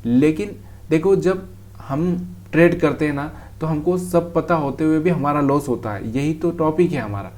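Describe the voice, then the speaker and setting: A man's voice: on the high side, normal speed, a little mellow. Man explaining trading charts. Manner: talks straight to the viewer, calls them brother. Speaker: trading teacher. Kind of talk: casual explanation over a chart.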